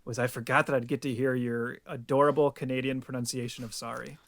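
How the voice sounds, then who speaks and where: A man co-hosting a podcast, bantering playfully and pitching a tongue-in-cheek movie like a Hollywood executive. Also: flat delivery, fast, fairly bright tone, dry recording. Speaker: podcast co-host.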